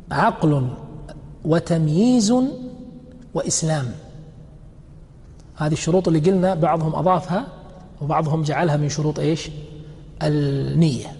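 A man teaching a religious text. He reads each quoted passage slowly, then explains it and checks with his students by asking questions. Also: a little high, warm tone, in a large hall. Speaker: sheikh teaching a fiqh text.

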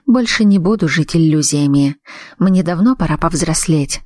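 A woman narrating an audiobook in the first person with an even, measured reading. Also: low-pitched, no echo. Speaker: audiobook reader.

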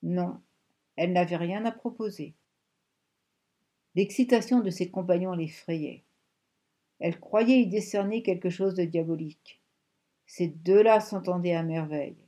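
A woman reading an audiobook in a steady, measured narration. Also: fairly low pitch. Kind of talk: scripted narration.

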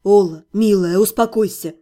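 Woman doing young male necromancer, tender, coaxing, lowered mellow voice. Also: moderate pace, lightly acted. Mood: pleading.

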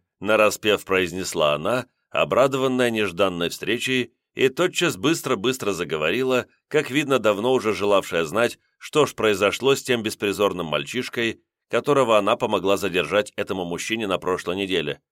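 A male narrator reads a novel aloud in a measured, expressive way. His voice sits somewhat low. The recording is dry and close, with no room sound. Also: no room sound. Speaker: audiobook narrator. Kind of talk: scripted narration.

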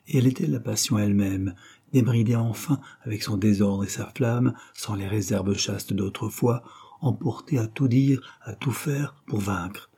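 A man narrating a classic novel in a measured, expressive audiobook reading. His voice sits low, with a dark, mellow tone and a husky grain.

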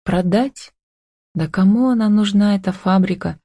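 A woman reading an audiobook and voicing a lively, emotional young heroine in love who exclaims readily. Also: medium pitch, normal speed, breathy edge, no echo, studio quality, pitched above the performer's own voice.

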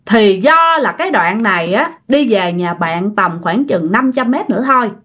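In a medium-pitched, expressive voice with a slightly bright quality, a woman with a Southern Vietnamese accent casually retells a ghost story, talking directly to her listeners at a moderate pace.

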